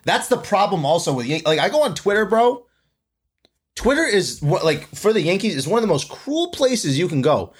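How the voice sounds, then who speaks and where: A young man co-hosting a casual sports chat, arguing in an animated, profane way. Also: high-pitched, normal speed, husky.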